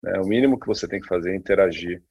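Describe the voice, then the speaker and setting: A man's voice: low-pitched, rapid-fire, gravelly, a little mellow, breathy edge, dull audio. A man co-hosting a casual talk, speaking with many fillers and restarts. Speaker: podcast co-host. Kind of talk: casual conversation on branding.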